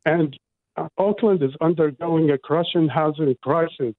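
Indignant guy on a phone line into a radio show, slightly high voice, dry thin sound. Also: no echo. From Iraq. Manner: earnest, indignant, measured. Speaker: guest, resident.

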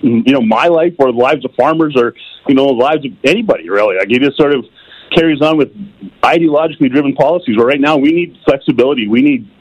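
A man's voice: medium pitch, fast talker, slightly rough. A man calling in over the phone, giving loose, opinionated talk with fillers. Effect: heard over the phone. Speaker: caller. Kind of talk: casual call-in chat. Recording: muffled phone line.

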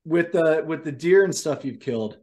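A man hosting a casual chat, telling animated stories about cooking wild game and laughing often. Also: on the high side, normal speed. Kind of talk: casual conversation.

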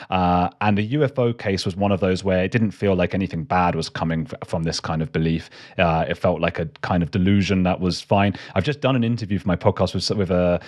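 A man's voice: on the low side, a little mellow. A man, a documentary maker, telling rambling, self-deprecating stories in a casual chat as a guest.

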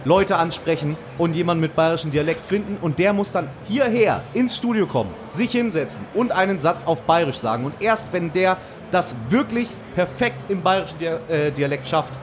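Man announcing game rules over loud noise. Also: on the high side, animated, moderate pace. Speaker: podcast co-host running the games. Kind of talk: hosting a live podcast game. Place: podcast booth inside a beer tent.

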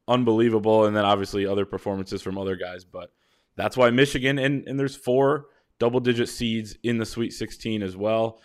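Low-voiced man breaking down college hoops. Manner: measured, builds long points with fillers. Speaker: sports podcast host. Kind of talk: casual sports analysis chat.

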